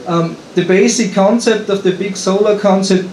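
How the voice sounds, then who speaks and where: A man from Austria with an Austrian German accent, giving a conference presentation as an engineer. He speaks haltingly, with frequent fillers and restarts. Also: sits high, a little mellow, reverberant, a little hiss or hum, poor audio. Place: conference hall.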